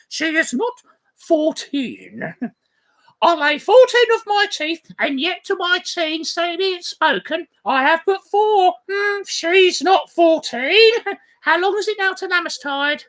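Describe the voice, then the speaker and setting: A fond old nurse rambles through her memories, giggling between every thought, as a woman acts her out. Her voice sits very high and her delivery is unhurried and drawn out, like a stage play reading. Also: expressive, fairly bright tone, exaggerated voice. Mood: rambling fond.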